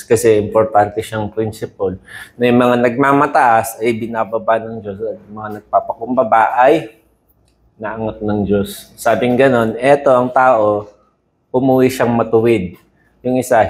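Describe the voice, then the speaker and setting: A man with a Filipino accent preaching a sermon in a lively, conversational way, mixing in English and checking in with "no?" and "di ba?" as he goes. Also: lowish voice, unhurried. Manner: animated, conversational Taglish with frequent "no?" and laughs.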